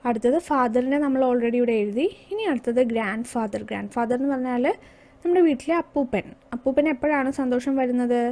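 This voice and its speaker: A woman with a Malayali accent teaches a primary school English lesson in a high voice. She is patient, stops to ask the class questions, then answers them herself and reads the English lines out slowly. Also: mellow. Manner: patient, slowing down to read English lines aloud.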